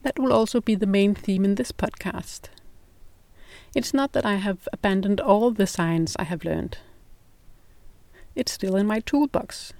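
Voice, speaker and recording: Her voice is medium in pitch and creaky, captured in a dry recording. She is a middle-aged woman from Denmark hosting a podcast, reading a calm, measured script in English with the Danish accent of a non-native speaker.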